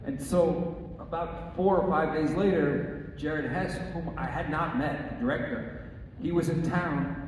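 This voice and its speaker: A man, a film actor, telling a lively behind-the-scenes story at a live Q&A and acting out the dialogue. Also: a little high, a little slow. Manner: animated storyteller who acts out the dialogue. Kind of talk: onstage anecdote at a live Q&A. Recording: echoey hall, mic from far off, background noise.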